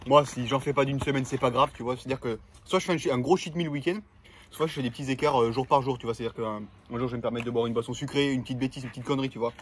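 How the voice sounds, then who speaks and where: A young man, hosting a casual vlog with loud, slangy chat. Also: mid-range voice, steady tone, very fast, slight background noise. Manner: slangy, loud and hyped, talking to camera. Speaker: vlogger. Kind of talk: casual chat while eating. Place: in a car, then at a table eating.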